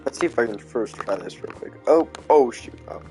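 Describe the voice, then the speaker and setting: A man's voice: medium pitch, expressive, moderate pace, warm tone, faint music behind, poor audio. A man giving casual gameplay commentary while touring his build. He sounds sleepy and rambles, with lots of fillers like "like" and "um". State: sleepy, yawning. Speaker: video game creator touring his build.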